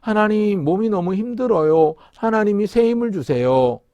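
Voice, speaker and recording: A man's voice: high-pitched, animated, normal speed, mellow, no echo, dull audio, voice pushed up. A man voicing a young shepherd who prays earnestly and humbly in a storybook-style telling. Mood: pleading. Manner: earnest pleading prayer.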